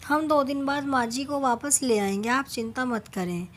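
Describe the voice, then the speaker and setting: A woman's voice: high voice, normal speed, close to an everyday voice. A woman voicing a patient young daughter-in-law who speaks politely and pleadingly.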